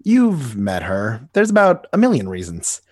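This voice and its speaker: A man's voice: mid-range voice, wildly swooping pitch, unhurried, a little mellow, no room sound, clean studio sound. Nightwing, a man playing a cocky hero. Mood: sheepish. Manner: teasing, easygoing big-brother banter. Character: Nightwing, cocky young adult male hero. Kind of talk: dramatic comic reading.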